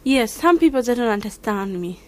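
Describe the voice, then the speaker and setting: A woman from Somalia with a Somali accent, answering interview questions in halting, searching English. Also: on the high side, lively intonation, darkish tone. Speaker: learner interviewee.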